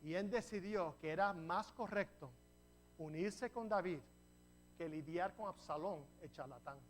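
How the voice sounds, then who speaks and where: A man from New Jersey preaching a sermon as pastor, telling the story in a lively way and putting rhetorical questions to the congregation. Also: high-pitched, measured pace, faint music behind. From New Jersey, USA. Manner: jokes with the congregation.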